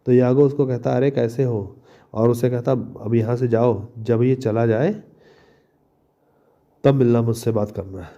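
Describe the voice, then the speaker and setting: A male teacher explaining a play line by line, reading each English line slowly and then explaining it in Hindi. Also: medium pitch, steady tone, warm tone, lo-fi sound.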